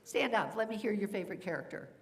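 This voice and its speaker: A woman's voice: medium pitch, lively intonation, quick pace. A woman voice actor speaking on a convention panel, earnest and encouraging, addressing the audience directly.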